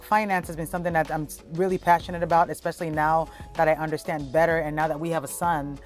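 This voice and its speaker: A woman in her thirties from Cameroon, a travel blogger telling her family's story in a relaxed, chatty way with plenty of fillers. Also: sits low, quick pace, soft background music. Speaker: travel blogger and content creator. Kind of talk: documentary interview.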